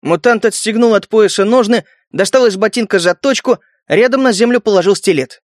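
Guy reading an audiobook, steady storytelling, high-ish voice, super dry booth sound. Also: fairly quick, no room sound. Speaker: audiobook narrator. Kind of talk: scripted narration.

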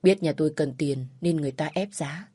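Husky, dark-voiced woman narrating a sad story. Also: sits low, no room sound. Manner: slow, sorrowful reading. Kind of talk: scripted first-person story narration. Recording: dry close voice over faint music.

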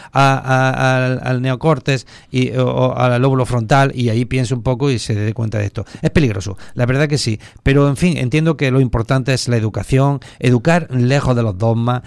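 Spanish-accented male radio guest, gravelly, halting delivery, mid-pitched. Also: darkish tone, no room sound. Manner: hesitant, many filler restarts. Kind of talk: casual radio conversation.

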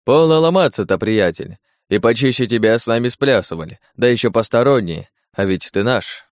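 A man's voice: medium pitch, fairly quick, natural voice. A man voicing a sly, mocking demon disguised as a clerk, jeering and coaxing in an audiobook. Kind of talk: audiobook character voice.

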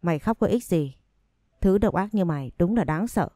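A woman's voice: lowish voice, expressive, normal speed, mellow, no room sound, studio quality. A woman voicing a spiteful scheming young woman. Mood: mocking.

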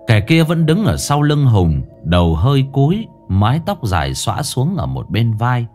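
A man's voice: lowish voice, a little mellow. A man narrating a ghost story with dramatic, swinging delivery.

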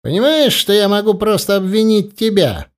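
A man playing a cunning, menacing young ruler who talks with mocking gentleness. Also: high-pitched, sing-song, moderate pace, pitched above the performer's own voice. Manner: coaxing, mockingly gentle, threatening.

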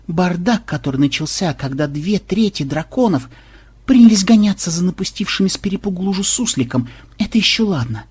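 Brash programmer, husky and commanding, read by a man. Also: high voice, lively intonation, fairly quick, pitched above the performer's own voice, heavily acted. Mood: rueful. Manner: loud barking commands. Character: stubborn brash male programmer, shouty adventurer.

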